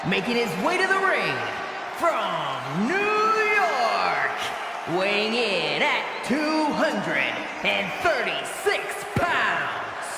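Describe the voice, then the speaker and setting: Guy doing lucha libre ring intros, super slow drawn out shouting, big echo pa, loud crowd. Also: high voice, wildly swooping pitch, creaky, very noisy. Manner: grand, shouted, elongated introductions. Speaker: ring announcer. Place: large indoor wrestling arena. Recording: echoey arena PA, far off, loud crowd.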